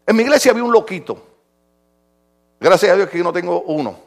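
Middle-aged male pastor, impassioned sermon delivery, high pitch with a rough, gravelly edge. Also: animated, fairly quick. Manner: impassioned preaching, swinging from shouts to quiet.

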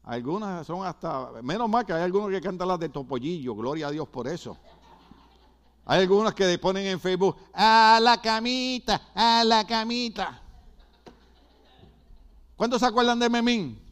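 A middle-aged pastor from Puerto Rico preaches in a Puerto Rican accent, with a high-pitched voice. He hammers his points home by repeating phrases and keeps turning to the congregation with quick asides. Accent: Puerto Rican Spanish. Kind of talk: sermon.

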